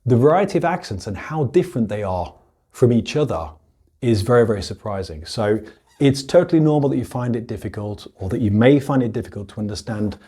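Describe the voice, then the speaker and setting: A man's voice: fairly quick, slightly rough. A man with a British accent, an English teacher explaining pronunciation to learners and demonstrating sounds. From United Kingdom. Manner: explanatory, lively pitch jumps for emphasis, demonstrates sounds.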